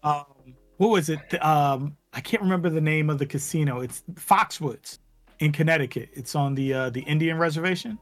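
A man's voice: on the high side, fairly quick. A man co-hosting a casual podcast chat, telling stories in a chatty way, full of "like" fillers. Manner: storytelling, chatty with many "like" fillers. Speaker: podcast co-host.

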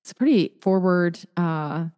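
Woman cohost thinking out loud, lowish voice, lots of ums, long echo on her. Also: lively intonation, smooth, dull audio. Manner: reflective, halting with fillers. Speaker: podcast co-host. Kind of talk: casual chat.

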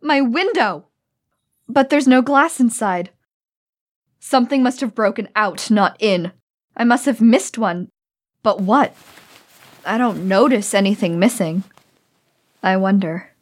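A woman's voice: fairly high pitch, unhurried, pauses often. A woman playing a jittery, sarcastic kid in an audio drama, flustered and defensive. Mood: anxious, puzzled. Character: jittery, evasive, sarcastic kid called Tink.

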